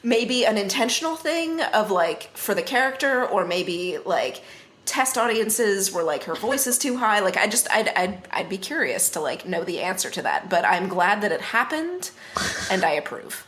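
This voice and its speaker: A woman's voice: medium pitch, sing-song, moderate pace, a bit bright. A woman co-hosting a podcast, talking in a loose, rambling way. She piles up fillers and restarts and swears casually as she thinks aloud. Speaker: podcast co-host. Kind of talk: casual chat.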